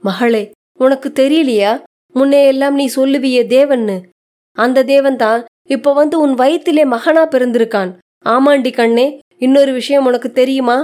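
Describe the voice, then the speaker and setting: A devout old mother from a storybook reading, gently coaxing her troubled daughter in a fairly high voice, as a woman narrator puts her on. Her talk stays soft and comforting. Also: fairly even intonation, moderate pace, close to an everyday voice. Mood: tender, coaxing.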